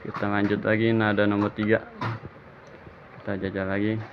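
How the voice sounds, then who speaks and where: A man's voice: on the low side, monotone, moderate pace. A man casually demonstrating a horn module, plainly announcing each tone in turn. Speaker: shop seller demoing horns. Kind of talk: casual product demo. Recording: lo-fi with loud ambient noise.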